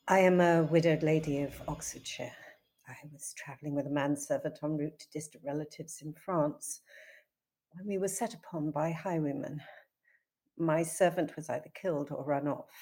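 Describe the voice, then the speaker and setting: A woman plays a gentlewoman in a period drama, with a low, husky voice. She speaks formally and holds her ground with composed defiance. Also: steady tone, moderate pace. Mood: guarded. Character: composed, defiant widowed gentlewoman under questioning.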